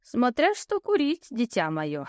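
A woman reading an audiobook, voicing a sly, languid old woman ghost who tells fortunes and smokes cigars, with a slow, mocking drawl. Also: a little high, wildly swooping pitch, a little mellow, no room sound, studio quality. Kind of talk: audiobook character voice.

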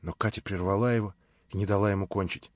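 A man's voice: sits low, steady tone, fast, no room sound. Male audiobook narrator, dry sound. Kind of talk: scripted literary narration. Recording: dry, slightly dull lo-fi audio.

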